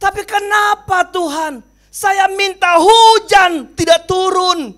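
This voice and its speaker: A man voicing a stubborn, devout old village man who insists loudly and slowly that his prayers will be answered. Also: extremely high pitch, pitched above the performer's own voice. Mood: complaining. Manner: shouting insistently, slow and emphatic.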